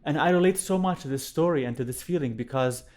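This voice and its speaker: A young man born in Iraq, a violinist teaching a music lesson to camera in a clear, explanatory way, recorded on a studio microphone indoors. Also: a little high, fast talker, darkish tone. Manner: clear, explanatory, chants rhythm syllables in time. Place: indoor studio room with plant. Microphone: studio condenser mic on stand.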